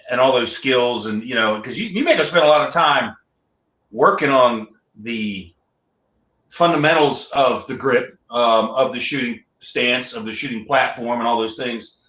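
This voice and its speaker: A man with an American accent hosting a casual podcast, talking in a relaxed, rambling way with many ums. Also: medium pitch, recorded from a distance. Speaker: podcast host. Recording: roomy and off-mic.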